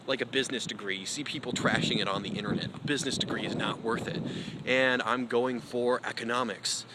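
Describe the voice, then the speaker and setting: Rambling young man in loud wind. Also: mid-range voice, steady tone, fairly quick. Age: young adult. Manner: meandering, self-deprecating, hesitant with many fillers. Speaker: vlogger. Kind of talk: rambling outdoor vlog. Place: outdoors in strong cold wind. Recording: loud wind noise on the mic. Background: heavy wind noise.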